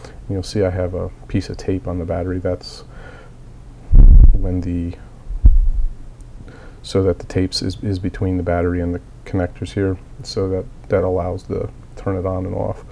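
A miniature hobbyist who is recovering from a cold coughs occasionally as he plainly works through a hobby build in a methodical, casual tutorial, using fillers often. His low, warm voice carries vocal fry and a completely flat delivery at a moderate pace, with slight background noise.

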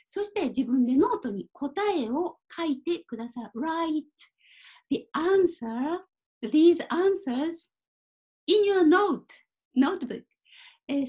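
Female language teacher, high voice, unhurried, careful delivery, slips into simple English to explain. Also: a little mellow. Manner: apologizes and laughs at her own typo. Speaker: Japanese teacher. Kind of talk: kanji reading lesson.

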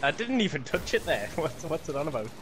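A man bantering casually over a video game in an excitable, jokey, sweary way. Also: fairly high pitch, brisk, slight background noise. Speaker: gamer.

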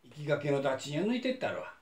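A man's voice: medium pitch, sing-song, quick pace, crowd noise, lightly acted. Man playing a cocky dentist, Kansai accent, chatty, echoey room. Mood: cheeky. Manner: cheeky, chatty. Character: cheeky male dentist, quick-witted.

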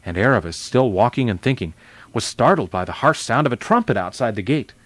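A man hosting a children's radio show, reading a novel aloud in an expressive, lively storytelling manner. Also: mid-range voice, fairly quick, dry recording.

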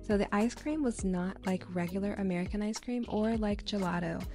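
A woman's voice: medium pitch, moderate pace, warm tone, faint music behind. A woman narrating a travel vlog voice-over in a chatty, informal way. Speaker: travel vlogger.

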